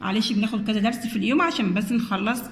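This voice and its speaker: A woman with an Egyptian Arabic accent, teaching kindergarten children and sounding out syllables in a coaxing, drawn-out sing-song. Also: mid-range voice. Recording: echoey room.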